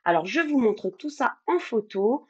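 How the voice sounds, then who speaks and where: A woman's voice: on the high side, very animated, unhurried, husky, lo-fi sound. A French woman hosting a live craft stream, chatting casually, greeting viewers by name with many fillers. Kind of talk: casual live demo chat.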